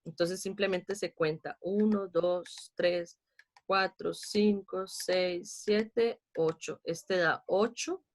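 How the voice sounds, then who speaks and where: A woman's voice: fairly low pitch, fairly even intonation, slow pace. A Costa Rican woman teaching an online class, patiently explaining poetry meter step by step and counting syllables aloud. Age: adult with a child.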